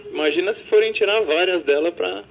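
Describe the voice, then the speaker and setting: High-voiced man trading jokes. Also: fairly quick, vocal fry. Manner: agreeing, joking quips. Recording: dull radio audio.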